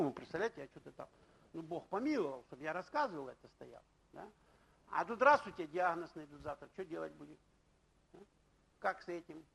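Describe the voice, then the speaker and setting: A middle-aged man, a pastor, preaching in a loose conversational way, telling personal stories and checking in with the congregation with quick questions. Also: high-pitched, creaky, a bit bright, breathy edge, low-quality recording. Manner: anecdotal, keeps asking the congregation "right?". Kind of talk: conversational sermon.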